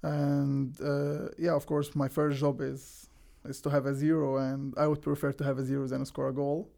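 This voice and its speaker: A man's voice: medium pitch, monotone, normal speed, vocal fry, dark tone. A young man from Egypt with an Egyptian accent, a soccer player answering interview questions in plain, earnest English with restarts. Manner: plain, earnest, simple non-native phrasing with restarts. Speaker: guest, professional soccer defender.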